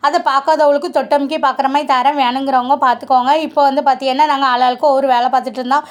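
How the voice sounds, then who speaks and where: A woman narrates her family vlog in a chatty way, speaking to her viewers directly. Her voice sits high, and she talks very fast in a casual run-on style. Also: steady tone. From Tirunelveli region, Tamil Nadu. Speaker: vlogger.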